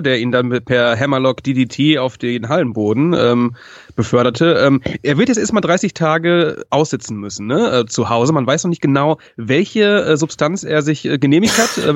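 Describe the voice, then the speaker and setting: A man's voice: medium pitch, no echo. A man co-hosting a casual wrestling chat, easygoing, adding news details, on a dull lo-fi line. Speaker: podcast co-host. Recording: dull dry lo-fi remote line.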